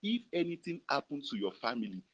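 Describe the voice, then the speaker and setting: This pastor speaks with a Nigerian Yoruba-influenced accent, his mid-range voice swinging widely in pitch at a fairly quick pace. He preaches to men in a prayer room, fed to an online audience, repeating lines for emphasis and drawing them into call-and-response. The audio is muffled but free of echo.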